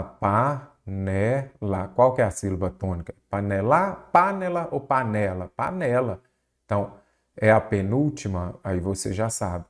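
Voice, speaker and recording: A man's voice: fairly low pitch, a little mellow. A man with a Brazilian Portuguese accent teaching an exam-prep grammar lesson, quizzing the listener with rhetorical questions.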